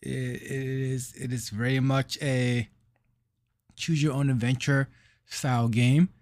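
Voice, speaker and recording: Man, podcast co-host, slow and halting, dry close mic, casual game chat. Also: mid-range voice, level tone, darkish tone, no room sound. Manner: slow, halting, searching for words.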